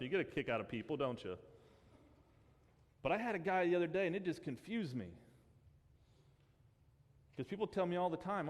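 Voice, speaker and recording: A man's voice: medium pitch, in a large hall. A man preaching a sermon to his congregation, talking casually and then building to fervent emphasis. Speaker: pastor.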